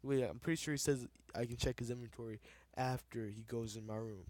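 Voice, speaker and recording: A man's voice: medium pitch, steady tone, fairly quick, darkish tone, no room sound. Rambling young man, dry close sound. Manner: rambling, stumbling over repeated words. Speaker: let's play gamer. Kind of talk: casual game commentary.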